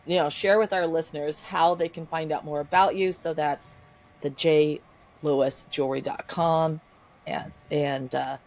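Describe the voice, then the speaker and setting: A woman's voice: low-pitched, fairly even intonation, a little slow, darkish tone. A woman hosting an interview podcast, affirming her guest and wrapping up with thanks. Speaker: podcast host.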